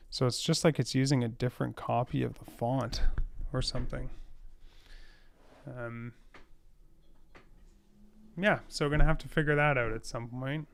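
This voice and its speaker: A web developer on a live stream thinks aloud casually while he codes, rambling with fillers and letting out exasperated laughs. His voice is medium-pitched and creaky.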